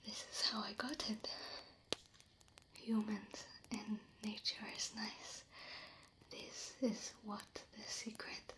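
A woman's voice: medium pitch, level tone, slow pace, long pauses, low-quality recording. A woman whispering close to the mic as a proud, curious female orc warrior who speaks broken English and talks about herself in the third person. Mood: pleased. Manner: soft close whisper throughout. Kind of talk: ASMR roleplay.

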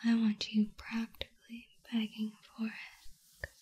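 A young woman whispering softly and teasingly into a close microphone in an intimate roleplay. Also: a little high, monotone, measured pace, very noisy. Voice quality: breathy. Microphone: close sensitive mic.

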